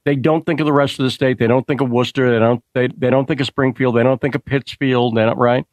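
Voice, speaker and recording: A man's voice: medium pitch, steady tone, fast talker, dry recording. A man in his fifties from Massachusetts, hosting an interview and building his questions conversationally. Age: 50s. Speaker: interview host.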